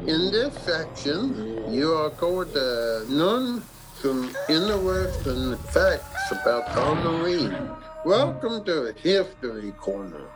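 Medium-pitched narrator, very lively intonation, deliberate scripted children's storytelling, theatrical host. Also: over music.

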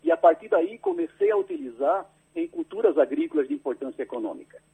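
A man's voice: on the high side, huge pitch swings, fast talker, creaky, mellow, slightly rough, rough recording. A man explaining his research to a radio host over a landline phone, patient and careful, often tagging his sentences with a questioning "right?". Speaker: agricultural researcher, interview guest.

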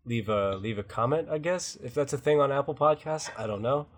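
A man's voice: mid-range voice, brisk. A man hosting a podcast in casual chat, sounding stuffed up and sick with a cold. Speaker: podcast host.

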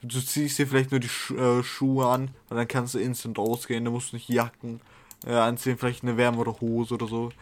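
A man's voice: mid-range voice, completely flat delivery, a little fast. Slangy young man chatting with friends. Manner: slangy, swears a lot, rambling with fillers. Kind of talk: casual chat among friends.

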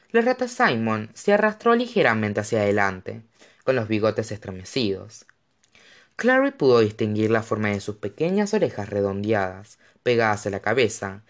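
Sex: man. Role: audiobook reader. Style: dramatic, expressive narration with lively pitch. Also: moderate pace.

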